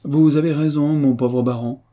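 A sly hunchbacked nobleman, as a man reads him needles his rival with ironic courtesy. The voice is very dark and husky, in a storybook reading. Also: mid-range voice, moderate pace, lightly acted. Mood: mocking. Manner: ironic, teasing, falsely courteous. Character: mocking, jovial hunchbacked nobleman, older man.

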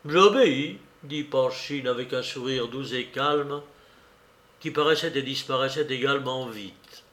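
A man narrating an audiobook in a measured, even storytelling manner. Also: medium pitch. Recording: roomy echo.

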